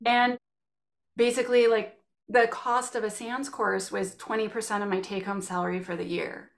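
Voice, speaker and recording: A Canadian woman, a guest in a casual interview, telling stories with lively acted-out quotes. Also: mid-range voice, moderate pace, creaky. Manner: animated storytelling, acts out quotes.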